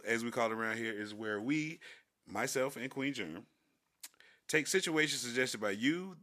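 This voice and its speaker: A man's voice: mid-range voice, expressive, moderate pace, sharp tone. Laid-back man co-hosting a podcast. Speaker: podcast co-host. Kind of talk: casual podcast chat.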